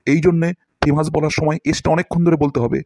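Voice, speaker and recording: A man's voice: a little high, flat delivery, fast talker, a little mellow, no echo, close to an everyday voice. A man voicing a boastful, pompous male English teacher in a cartoon, scolding his pupils and acting out each word theatrically.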